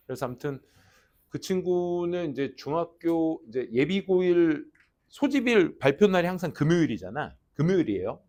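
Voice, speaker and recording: Chatty male teacher telling a story. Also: darkish tone. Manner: chatty, acts out quoted voices, trails into low mutters. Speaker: academy English teacher. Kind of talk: casual storytelling to students in class.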